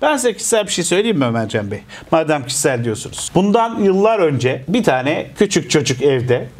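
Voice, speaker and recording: High-voiced teasing, mock-formal man. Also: sing-song, a little fast, a little hiss or hum. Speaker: debater. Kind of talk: comic mock debate.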